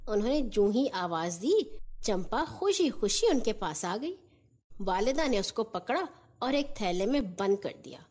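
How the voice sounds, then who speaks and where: A woman's voice: mid-range voice, big pitch swings, measured pace, a little mellow. A woman narrating a scripted children's story as a storyteller.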